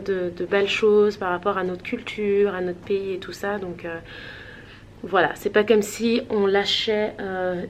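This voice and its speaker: Over slight background noise, a vlogger from Switzerland talks to her viewers in a mid-range voice. She rambles casually, with many hesitations.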